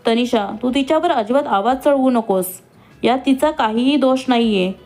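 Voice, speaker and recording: A woman's voice: fairly high pitch, moderate pace, a little mellow, faint music behind, lightly acted. A woman voicing a young man who protects his family and talks in an earnest, pleading way.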